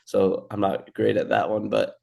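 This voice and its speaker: A young man teaching a language in a relaxed, casual way, with filler words and restarts. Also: lowish voice, moderate pace, vocal fry. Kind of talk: casual lesson.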